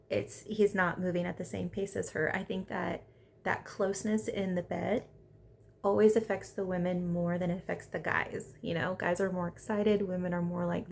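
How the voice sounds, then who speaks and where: A woman talks through a reality dating show episode in a loose, opinionated recap. She speaks at a middle pitch with a noticeable gravelly fry, and she strings her thoughts together with lots of casual "like"s. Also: darkish tone, a little hiss or hum. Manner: chatty, opinionated, lots of "like" fillers. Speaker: reality TV reviewer.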